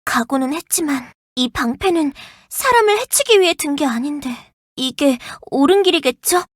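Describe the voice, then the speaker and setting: A voice actress playing a young, earnest and protective firefighter in a game, polite and gentle, snapping into crisp radio-style reports. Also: female voice, high voice, lively intonation, moderate pace, dry recording, studio quality. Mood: somber. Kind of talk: game character voice lines. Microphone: dry studio mic.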